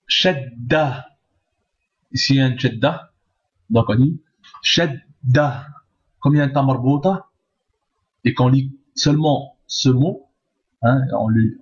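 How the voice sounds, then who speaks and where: A man's voice: mid-range voice, darkish tone, muffled recording. A man teaching a step-by-step language lesson, patiently repeating each word and checking that the listener follows. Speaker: Arabic teacher.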